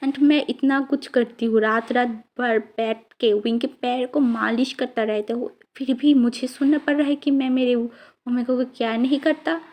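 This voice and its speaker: A woman's voice: on the high side, fairly even intonation, measured pace, a little mellow, lightly acted. A woman voicing a patient young husband who stammers and pleads when blamed. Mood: aggrieved.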